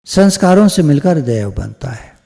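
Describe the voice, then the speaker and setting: A man's voice: fairly high pitch, big pitch swings, normal speed, gravelly, warm tone. A man giving a devotional sermon over a video call, explaining step by step and slipping English phrases into his Hindi, in an echoey recording. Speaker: spiritual discourse speaker.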